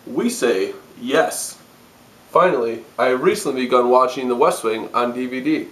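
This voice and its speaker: A man's voice: mid-range voice, brisk, a bit bright. A man delivering a scripted parody newscast as a mock-serious news anchor. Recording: roomy echo, distant mic.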